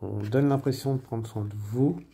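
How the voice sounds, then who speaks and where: A man working as a medium, giving a spontaneous general reading, hesitant with many fillers and pauses, sometimes dropping to a near-whisper. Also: mid-range voice, creaky, warm tone, husky. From France. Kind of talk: spontaneous spoken guidance.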